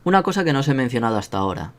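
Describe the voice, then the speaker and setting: A man's voice: medium pitch, big pitch swings, very fast. A man with a Spanish accent from Spain, giving a casual online language lesson in a joking, self-mocking way and drilling sounds aloud. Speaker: language teacher.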